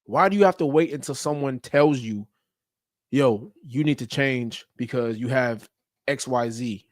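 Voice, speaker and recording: A blunt, emphatic man lectures his listeners on getting in shape, swearing casually and dropping slang as he goes. His voice sits at an ordinary mid pitch. The sound is close and dry. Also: unhurried, dry recording. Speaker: podcast host. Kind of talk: motivational monologue.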